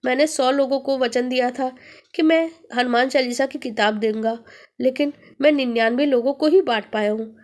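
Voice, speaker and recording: A kind, devout young delivery man speaks softly and politely, voiced by a woman telling the story. His tone is gentle and reassuring, and the voice sits high. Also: fairly even intonation, normal speed, natural voice.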